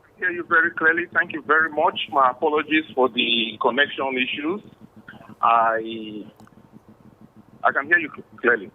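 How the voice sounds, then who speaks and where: Over a bad remote connection with a tinny, phone-like sound, a traditional chief with a Nigerian accent gives a formal, measured historical explanation in an interview. His voice is mid-range, with slight background noise.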